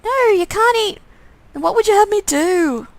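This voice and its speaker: A woman's voice: high-pitched, sing-song, fairly quick, a bit bright, pitched above the performer's own voice. A woman playing an alarmed young heroine. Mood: wary. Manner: alarmed, pleading. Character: frightened young woman, the player character.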